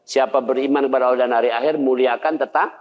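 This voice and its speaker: A man's voice: medium pitch, fairly even intonation, quick pace. An older male preacher, giving a conversational sermon and putting questions to his listeners. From Indonesia. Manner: conversational, asks the audience questions. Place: mosque hall. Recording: dull sound in a long-reverb hall.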